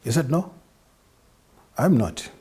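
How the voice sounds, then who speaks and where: A man's voice: medium pitch, big pitch swings, takes it slowly, warm tone, husky. A man hosting a studio interview, chatty and anecdotal, laughing easily. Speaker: interview host.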